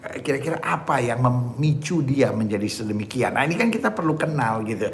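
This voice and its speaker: A man's voice: medium pitch, animated, brisk, slight background noise. A man preaching a sermon, emphatic, often asking his listeners "ya kan?" and calling them "saudara-saudara". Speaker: pastor. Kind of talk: sermon on dating.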